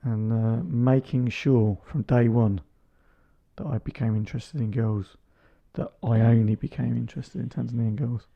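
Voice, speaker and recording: Man, 30s, podcast co-host, teasing jokester, middle pitch, muffled audio. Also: steady tone, moderate pace, gravelly. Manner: joking, teasing. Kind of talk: casual couple chat.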